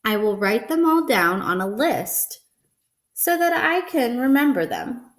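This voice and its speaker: Storybook Toad type female reader acting: male, earnest, easily fretted, high voice, emphatic and unhurried. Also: very animated. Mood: earnest, pleased. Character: earnest, fretful male toad devoted to his list.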